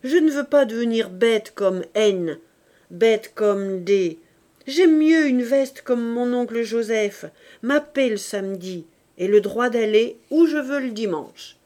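A rebellious teenage boy, as a woman reader voices him, defiant and bitter. He talks forcefully, in a raised voice. It sounds like dialogue in a read novel. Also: on the high side, unhurried. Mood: angry.

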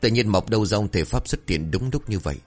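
Anxious middle-aged village mother in a storybook tale, pleading and fretful, low-set voice as a male narrator reads her, faint music behind. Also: expressive, fast. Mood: troubled. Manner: pleading, worried questioning.

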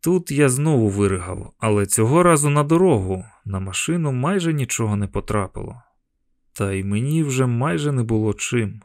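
A male audiobook narrator with a mid-pitched voice reads in an even, measured way. The recording is dry and close, with no room echo at all. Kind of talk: scripted narration. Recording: dry close studio sound.

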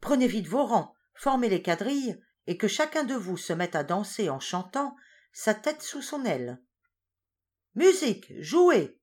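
A woman's voice: mid-range voice, very animated, a little slow. A woman reading a storybook, voicing a regal, commanding queen of the birds in a haughty manner.

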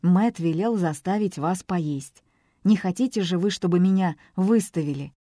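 A woman voicing a gentle, soft-spoken man. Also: fairly low pitch, moderate pace, no echo, studio quality, close to an everyday voice. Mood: gentle, teasing. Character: kind, gently teasing young man.

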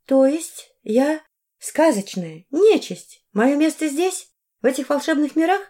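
A woman's voice: sits high, sing-song, measured pace, mellow, voice pushed up. A woman voicing a startled young woman in an audiobook, speaking in a lifted, wondering tone. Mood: bewildered.

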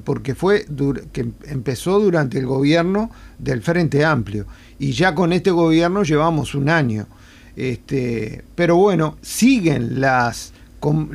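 A man's voice: fairly high pitch, gravelly. A man with a Uruguayan accent hosting a radio interview, informal and repeating words as he asks questions. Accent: Uruguayan Spanish. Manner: informal, stumbling on word repeats. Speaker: radio host.

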